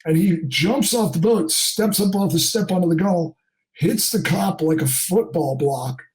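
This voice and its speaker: High-voiced man telling a wild story. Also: normal speed, darkish tone. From New Jersey. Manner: acts out quoted people in raised voices. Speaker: charter fishing captain, guest. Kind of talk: animated storytelling in a podcast interview.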